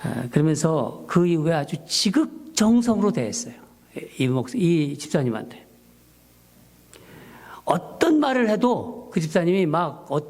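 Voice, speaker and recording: A man who is a pastor, preaching a sermon and telling a story from his church life in a storytelling manner. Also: sits high. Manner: storytelling, animated, rising when quoting his own prayers. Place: church sanctuary.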